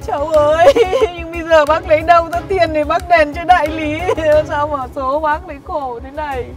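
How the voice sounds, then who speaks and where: A poor old lottery seller, tearful and pleading, as a woman acts her out, her voice very high and thin. Loud music plays under her lines throughout. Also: steady tone, moderate pace, natural voice. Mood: crying. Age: older. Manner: pleading, sobbing and wailing. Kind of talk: web drama acting.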